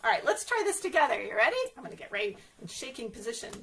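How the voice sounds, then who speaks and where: This woman races along with a fairly high, very animated voice and a sharp edge to it. As a children's librarian running an interactive story time, she's encouraging and sing-song, frequently directing questions at the young listeners.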